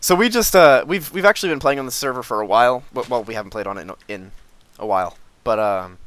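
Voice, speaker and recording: A man's voice: mid-range voice, expressive, fast talker, fairly bright tone, no echo. A young man hosting a casual Minecraft video, rambling with lots of fillers and restarts as he shows off his build. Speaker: gaming video host.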